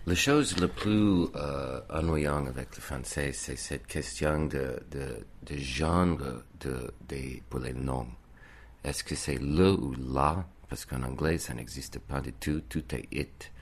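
An American man, a native English speaker, chatting in French as a learner, halting and searching for words. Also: extremely low pitch. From United States. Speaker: guest. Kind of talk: casual conversation in French as a learner.

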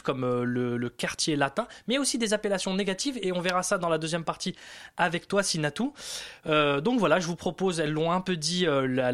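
A man's voice: on the high side, fairly bright tone, no echo. A man hosting a French radio talk show, friendly, guiding his guests and reading scripted travel narration.

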